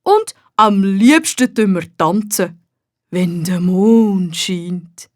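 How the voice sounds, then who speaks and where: Storybook gnome, male, cheerful, slow and deep, put on by a Swiss German woman. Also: expressive, a little mellow, no room sound, studio quality. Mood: content. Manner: slow, deep-toned, contented. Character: cheerful talkative male garden gnome, unhurried. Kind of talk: children's storybook reading.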